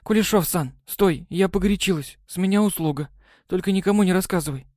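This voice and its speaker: A man's voice: sits high, fairly quick, darkish tone, no echo, clean studio sound, pitched above the performer's own voice, close to an everyday voice. A man reading an audiobook, voicing a cheeky, proud young rich girl in a raised voice. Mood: pleading. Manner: cheeky, bossy.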